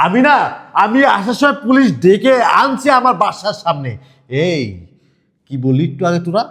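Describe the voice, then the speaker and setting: A man playing a furious, taunting husband in a melodramatic short film, his voice pitched very high and swinging widely as he shouts and goads. He barks repeated short interjections between threats. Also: sing-song, normal speed, heavily acted. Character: angry man posing as sweeper, the returned husband.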